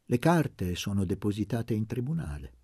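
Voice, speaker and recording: A man voicing a young peasant leader in a read-aloud novel, orating with a husky, gravelly voice. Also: fairly low pitch, very animated, normal speed, mellow, no echo, clean studio sound, full character voice. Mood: rousing.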